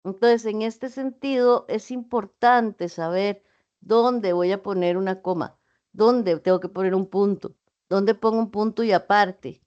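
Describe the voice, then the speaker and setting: A woman's voice: mid-range voice, a little slow, darkish tone, highs cut off. A woman giving an online class lecture, patiently explaining with spoken examples. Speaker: teacher.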